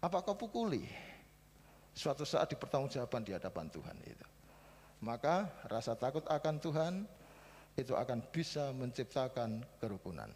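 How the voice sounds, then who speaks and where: A male pastor in his fifties with a Javanese accent, telling lively stories in a sermon and swinging between soft asides and loud preaching. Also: medium pitch, moderate pace. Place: church hall. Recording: reverberant church hall.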